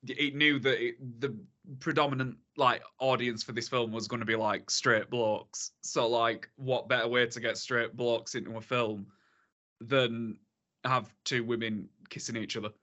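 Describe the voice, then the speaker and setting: A man's voice: mid-range voice, flat delivery, moderate pace, bright, forceful tone. A man co-hosting a film podcast, chatting casually in a gushing, camp, sassy way.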